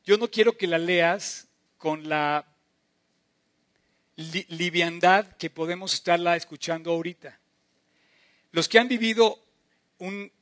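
A middle-aged man preaching a sermon, impassioned, swinging between loud emphatic bursts and soft drawn-out phrases. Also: high voice.

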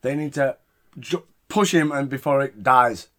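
A man's voice: mid-range voice, a little slow. A British man hosting a casual, sweary podcast recap of wrestling in an informal way. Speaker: podcast host reviewing wrestling shows.

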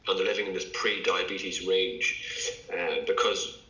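A man's voice: sits low, steady tone, measured pace, sharp tone. A male doctor from England, a podcast guest, talking in a hesitant way with many fillers and restarts. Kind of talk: casual interview talk. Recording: echoey, dull lo-fi sound.

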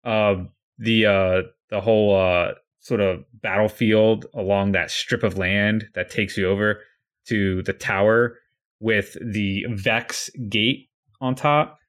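A man's voice: fairly low pitch, steady tone, slow, fairly bright tone. A man co-hosting a casual gaming podcast, talking hesitantly with many fillers. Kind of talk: casual chat.

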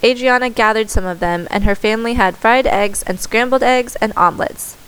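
A woman reading a children's story aloud in steady scripted narration, with the odd small self-correction. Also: fairly high pitch, brisk, clear, resonant tone, poor audio.

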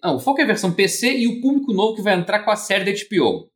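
A man with a Brazilian Portuguese accent joins a casual chat about games. His voice sits fairly high and swings widely in pitch, and he talks with animation. Each phrase tends to sink low and fade as it ends. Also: sing-song, rapid-fire, fairly bright tone.

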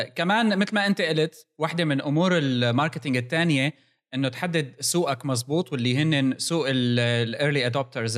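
A man with a Levantine Arabic accent co-hosting a casual technology discussion, talking in an analytical, point-by-point way. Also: medium pitch. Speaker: podcast co-host.

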